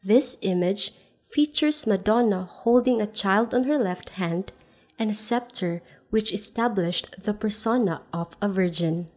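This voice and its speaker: A woman narrates a documentary script at a medium pitch. Her reading is steady and measured, laying out facts in an even, informative tone. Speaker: voice-over narrator.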